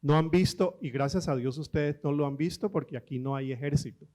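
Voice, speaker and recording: A man preaching a sermon, telling stories with quoted voices and humor, slowing down for emphasis. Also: a little high. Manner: lively, slows down for emphasis.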